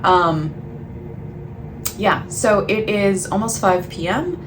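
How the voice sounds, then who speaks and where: This time the vlogger speaks slowly in a mid-range voice, still rambling about books, teasing herself and leaving sentences unfinished. Noticeable ambient noise runs behind her.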